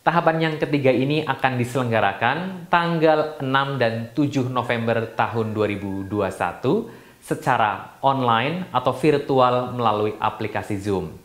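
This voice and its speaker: A man's voice: medium pitch, moderate pace. A man who is a yoga teacher, explaining a teacher training course in a chatty, casual way with many fillers and restarts. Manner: chatty, frequent fillers and restarts, self-deprecating asides. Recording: echoey room.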